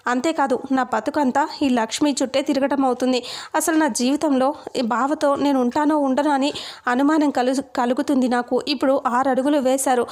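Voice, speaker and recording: A woman's voice: high-pitched, darkish tone. A woman retelling a television serial episode, quoting the characters' lines as she goes. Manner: brisk retelling with quoted dialogue.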